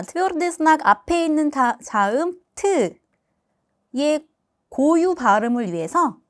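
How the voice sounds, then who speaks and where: Woman, language teacher, high and animated delivery, patient explainer who repeats each example slowly.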